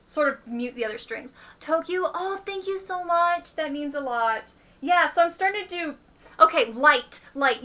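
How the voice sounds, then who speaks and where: A woman chatting casually on a live stream about learning the banjo, talking with quick enthusiasm and muttering to herself between phrases. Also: sits high, sharp tone. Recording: banjo music behind. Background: banjo playing.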